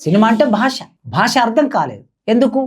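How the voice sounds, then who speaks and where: A woman's voice: on the high side, sing-song, fairly quick, husky. A woman giving impassioned spoken commentary, declaiming and piling up rhetorical questions like a political commentator.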